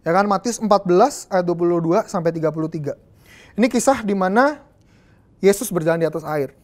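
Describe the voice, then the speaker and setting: A woman's voice: on the low side, brisk, darkish tone. A young adult woman from Indonesia, preaching a youth sermon in a casual, slangy way with English phrases mixed in.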